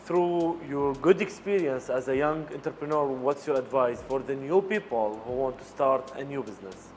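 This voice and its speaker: A man's voice: medium pitch, moderate pace, a little mellow, soft background music. A man hosting a business interview show, asking formal, scripted questions. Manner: formal, scripted presenter phrasing.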